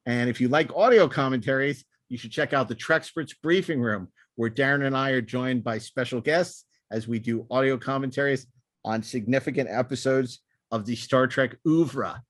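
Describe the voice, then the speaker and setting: A man with a mid-range voice hosts a podcast, chatting casually and enthusiastically at normal speed. He rambles, repeating words and speaking in stop-start phrases, and the recording has no echo.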